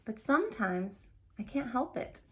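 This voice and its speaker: A woman's voice: very animated, unhurried, slight background noise. A woman playing a small upset boy. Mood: doubtful. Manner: high, pleading, shouting when angry. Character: upset little boy, quick to anger.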